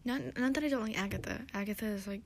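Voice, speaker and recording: A young woman recapping a TV episode in a soft-spoken ASMR style. She is chatty, often slips into a whisper and uses many fillers. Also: mid-range voice, fast.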